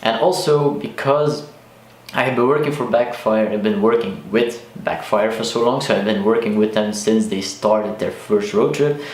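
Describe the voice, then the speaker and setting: A man's voice: on the low side, moderate pace. A man in his twenties from Flanders with a Flemish accent, Dutch as his first language, chatting casually to camera as a car vlogger with lots of likes and restarts. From Belgium, Flanders. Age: 20s. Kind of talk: casual vlog talk to camera. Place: sparsely furnished room in a new house. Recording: echoey bare room.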